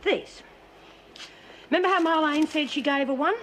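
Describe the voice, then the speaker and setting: A woman's voice: high-pitched, moderate pace, a little hiss or hum, close to an everyday voice. An actress playing a tough, weary female prisoner who used to be in charge. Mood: grim. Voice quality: blunt, determined. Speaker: prison inmate. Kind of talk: TV drama acting.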